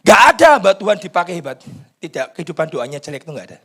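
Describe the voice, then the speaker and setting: Man, pastor, bright husky voice, lively pitch. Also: very fast. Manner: swings from shouted pleading to hushed whispers. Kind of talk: charismatic sermon.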